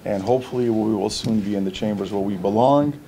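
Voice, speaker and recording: A man's voice: on the low side, quick pace, mellow, a little hiss or hum. A man presiding over a city council meeting, speaking formally with some hesitation into a desk microphone.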